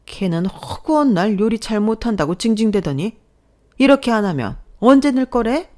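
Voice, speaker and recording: A woman voicing a domineering older mother-in-law who scolds loudly over the phone in a radio story. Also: on the high side, animated, normal speed, voice pushed up, natural voice. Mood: scolding. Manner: scolding, shouting.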